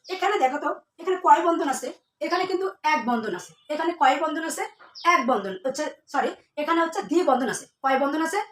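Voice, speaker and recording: A woman's voice: high voice, expressive, fast talker, a bit bright. A woman teaching a chemistry lesson to students, asking questions and then answering them herself, repeating the key terms. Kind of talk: classroom lesson. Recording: echoey room, mic at a distance.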